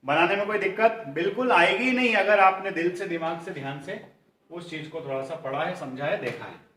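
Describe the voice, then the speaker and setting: A man with an Indian accent, teaching English vocabulary for an exam-prep class. He calls his students children, keeps asking them for the answer, and reads the English definitions slowly. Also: high-pitched, fairly bright tone, distant mic. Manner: addresses students as children, drills answers by repeating questions. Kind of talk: online coaching lesson. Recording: roomy echo, voice somewhat off-mic.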